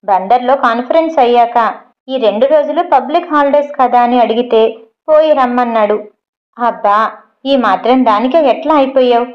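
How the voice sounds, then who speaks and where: A woman reading as a calm, soothing young husband. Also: fairly high pitch, brisk, muffled recording, close to an everyday voice. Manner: easygoing, soothing and explaining.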